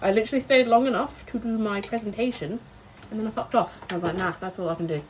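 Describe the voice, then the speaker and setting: In a home kitchen, a British woman vlogs casually while cooking, chatting, swearing and laughing a lot. Her mid-range voice sounds congested and sniffly, she talks fast, and the recording is very noisy.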